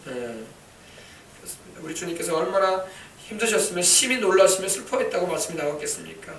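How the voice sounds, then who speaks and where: A high-voiced male pastor preaches with passion and urges his flock with calls for an amen. His voice rings through a large church sanctuary and sounds far from the mic. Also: fast, creaky, fairly bright tone, a little hiss or hum. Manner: impassioned preaching, calls for amens. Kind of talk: sermon. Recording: echoey church from a distance.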